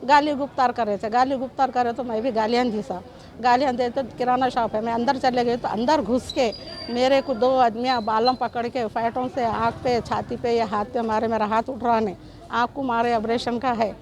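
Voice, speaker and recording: A woman's voice: on the high side, steady tone, moderate pace, a little mellow. A middle-aged woman, giving an emotional news interview as a shopkeeper, urgent and pleading and repeating herself. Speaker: shopkeeper telling of an assault.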